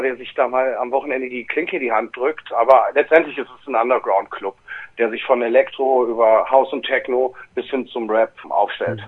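A middle-aged man answers interview questions over the telephone. He is easygoing and often hesitates, filling gaps with little sounds as he thinks. The sound is narrow and tinny, like a phone line. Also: medium pitch. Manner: relaxed, hesitant with many fillers. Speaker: interview guest, club owner and rapper.

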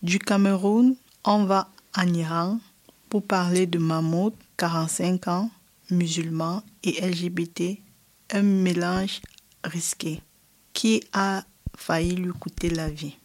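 Low-voiced woman radio host. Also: fairly even intonation, a little slow. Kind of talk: scripted radio presenting.

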